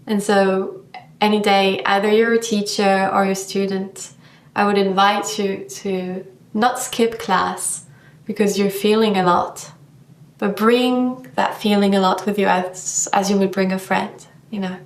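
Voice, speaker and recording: Slow, reflective woman yoga teacher. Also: mid-range voice, steady tone, reverberant, distant mic. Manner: slow, thoughtful, searching for words. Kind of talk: reflective vlog monologue.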